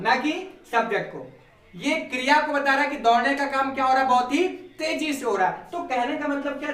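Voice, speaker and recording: A male teacher giving a grammar lesson, asking questions and answering them himself, repeating key terms slowly. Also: extremely high pitch, fairly bright tone. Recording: echoey room, mic far off.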